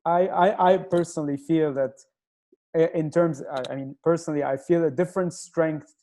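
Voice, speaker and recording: Hesitant warm-voiced male host. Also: fairly high pitch, fairly even intonation, normal speed. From Nigeria. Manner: hesitant, searching for words. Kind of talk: casual interview talk. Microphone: video call.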